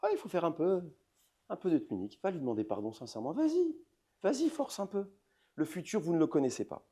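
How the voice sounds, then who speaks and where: A rabbi in his forties holds a lecture with a dark, mellow voice. He rises into loud, emphatic bursts, then drops to soft, close asides, and keeps turning to his listeners with direct questions. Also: fairly high pitch, sing-song, fast talker, husky. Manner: swings between loud emphatic outbursts and soft intimate asides; addresses the audience directly with questions. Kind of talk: lively religious lecture to an audience.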